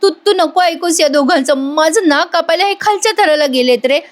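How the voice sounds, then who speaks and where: A woman's voice: extremely high pitch, normal speed, voice pushed up. A woman voicing a deceitful young wife who begs and denies everything. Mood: pleading.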